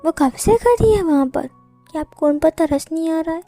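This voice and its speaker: A woman's voice: very high-pitched, expressive, moderate pace, mellow, faint music behind, voice pushed up. A woman voicing a cheeky, chatty ten-year-old boy who pesters the grown-ups in a fan fiction story. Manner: pestering, bossy, childish.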